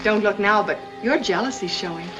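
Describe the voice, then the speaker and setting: A woman's voice: medium pitch, brisk, dull audio, lightly acted. An actress playing a wry female friend who teases in a dry way. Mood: teasing. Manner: teasing, dry. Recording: old film soundtrack with music.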